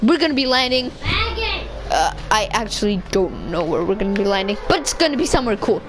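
A woman giving casual, chatty commentary over her gameplay, excitable and constantly correcting herself mid-sentence. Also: medium pitch, brisk, music in the background, rough recording. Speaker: gaming video creator.

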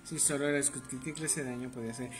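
Faint music plays behind a young streamer whose medium-pitched voice races along with fairly even intonation. With a Mexican Spanish accent, he delivers crude, joking commentary on his game while chatting with his audience.

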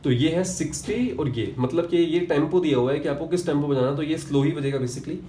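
A man's voice: on the high side, brisk, dark tone, slight background noise. A young man from India, teaching piano, counting beats aloud and explaining step by step, mixing terms into his talk. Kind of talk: spoken piano lesson. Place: room with a piano. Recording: echoey room with piano playing.

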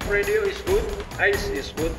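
A man's voice: high voice, moderate pace, music in the background. A man, a ship officer reporting to the traffic station over marine radio in clipped radio procedure. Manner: clipped, itemized status reports. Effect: marine radio transmission. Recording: roomy, distant radio voice.

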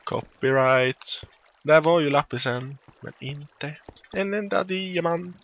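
Over lo-fi sound, a Swedish man with a slightly high, gravelly voice plays a video game as a let's play gamer. His commentary is playful and casual, full of exclamations and invented song lines.

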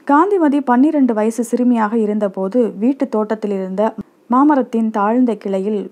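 A woman narrating a short story in a steady, expressive storytelling manner. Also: a little high.

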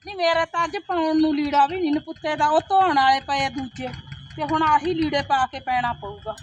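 A woman's voice: high-pitched, fairly even intonation, brisk, highs cut off, a little hiss or hum. A woman acting a poor village woman who pleads and complains in a family drama. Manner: pleading, plaintive.

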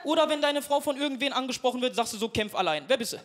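A man's voice: very high voice, rapid-fire. A young man from Duisburg doing self-mocking stand-up comedy, chatting with the audience. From Duisburg, Germany. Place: stage before a live audience. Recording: live show with audience and noise.

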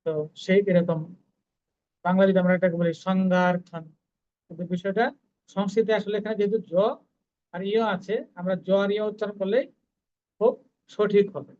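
A teacher leads a recitation lesson, chanting verse lines in long, drawn-out syllables and then explaining the sounds at a quicker clip. The voice is smooth and resonant, in the middle of the range. The recording is dull and lo-fi. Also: medium pitch, a little mellow. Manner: drawn-out slow syllables when chanting, brisk explanations between. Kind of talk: pronunciation lesson with slow chanting of Sanskrit verses.

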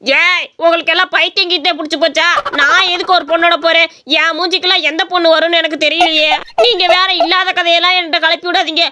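Lazy cartoon village man, gruff and quick, high bright voice, voiced by a woman. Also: flat delivery, background noise. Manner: gruff, dismissive retorts.

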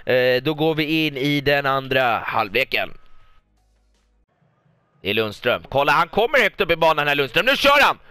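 A young Swedish man calls a football match like a broadcast commentator, bursting into loud repeated goal calls. His voice is bright and clean, a little high, close on the mic in a dry room. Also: lively intonation, pauses often, clean tone, dry recording, faint music behind. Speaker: gaming YouTuber commentating his own match. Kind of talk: mock football commentary over gameplay.

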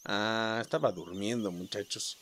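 A man with a Mexican Spanish accent giving excitable, joking let's-play commentary and swearing often. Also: fairly low pitch, measured pace. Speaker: gaming YouTuber. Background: game music.

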